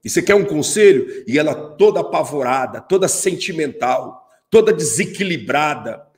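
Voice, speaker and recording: A man's voice: fairly high pitch, expressive, normal speed, a little mellow. A middle-aged man with a Brazilian accent, preaching a sermon and telling a story with emphatic repetition. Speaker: pastor.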